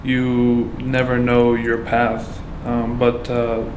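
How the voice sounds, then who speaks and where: Flat-voiced man in an echoey room. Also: mid-range voice. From Afghanistan. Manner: halting, with many fillers and restarts. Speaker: patient. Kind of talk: candid personal testimony. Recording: echoey room with background noise.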